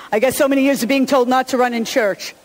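A woman's voice: high-pitched, darkish tone. Woman pastor in an echoing church. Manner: chatty and encouraging, often chuckling. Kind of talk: Easter sermon and children's message. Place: large church sanctuary. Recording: long church reverb.

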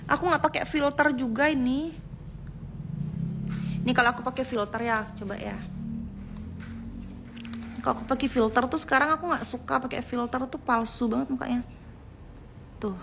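A woman's voice: high voice, normal speed, gravelly, pauses often, background noise. A woman chatting casually at home on a phone livestream, answering viewer comments and often searching for words as she rambles on. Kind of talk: casual live chat.

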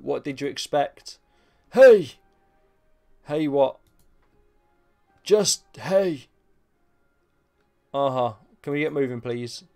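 A man's voice: medium pitch, creaky, a little mellow. A man giving casual, sarcastic commentary while playing a game and bantering with it. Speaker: let's play host.

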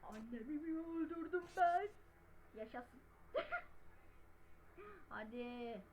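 A woman yelling and swearing her way through gameplay commentary. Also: high-pitched, expressive, takes it slowly, slight background noise, low-quality recording. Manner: loud, yelling and cursing. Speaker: gamer. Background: game music.

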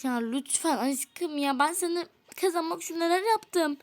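A woman's voice: very high voice, normal speed. A woman voicing a pleading teenage boy who keeps apologizing to his girlfriend in a doll role-play story.

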